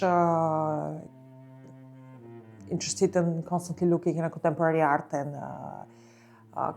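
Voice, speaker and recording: A woman from Bulgaria, probably in her thirties, speaking as a visual artist in an interview, slow and searching, with many fillers and pauses. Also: low voice, darkish tone. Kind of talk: reflective interview talk.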